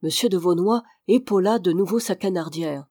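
Measured audiobook narrator, dry close sound. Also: medium pitch, dry recording. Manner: measured, even storytelling delivery. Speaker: audiobook reader. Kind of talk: scripted narration of a classic novel.

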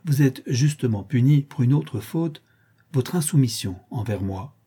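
A man's voice: mid-range voice, expressive, measured pace, warm tone, breathy edge. A man reading an audiobook and voicing a haughty older aristocratic countess who scolds and commands. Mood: cold, lecturing.

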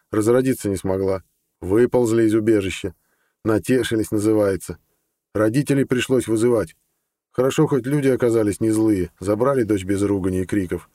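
A man's voice: on the low side, dark tone, no room sound, clean studio sound, lightly acted. A man voicing a grumpy, sarcastic older healer in an audiobook, scolding and grumbling.

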